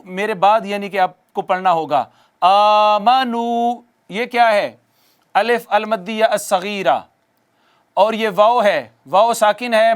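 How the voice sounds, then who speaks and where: Male tajweed teacher, high resonant voice, patient explainer who drills slow recitations. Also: fairly bright tone, clear, resonant tone. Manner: explains rules patiently, then recites slowly and drawn out for viewers to repeat; asks the audience questions and answers them himself. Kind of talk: televised tajweed lesson.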